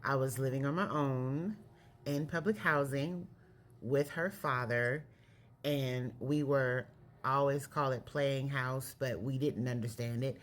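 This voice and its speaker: A woman in her late forties from California, candidly telling her life story in a casual vlog, pausing and correcting herself as she goes. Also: extremely low pitch, a little hiss or hum. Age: 40s. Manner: reflective, candid, self-correcting. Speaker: vlogger.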